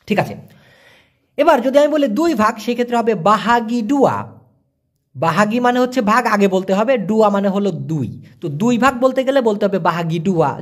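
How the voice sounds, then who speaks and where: A man teaching a casual language lesson, repeating and spelling out words for learners. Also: high voice.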